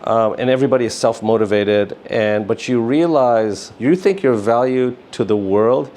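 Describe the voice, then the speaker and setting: A middle-aged man, a business founder appearing as an interview guest, talks casually in a mid-range, slightly mellow voice at a moderate pace. He rambles a lot and fills his speech with "you know" and "like."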